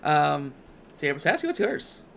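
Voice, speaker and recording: A man's voice: fairly high pitch, very animated, normal speed, creaky, a bit bright, a little hiss or hum. A man on a casual podcast, rambling with many fillers and restarts. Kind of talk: casual chat.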